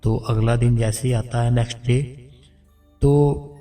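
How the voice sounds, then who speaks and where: Calm, flat-voiced storyteller man. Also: medium pitch, a little slow. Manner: calm, repeatedly addresses listeners as congregation. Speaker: devotional storyteller. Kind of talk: retelling a devotional story to a congregation. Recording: voice a bit far from mic, faint music.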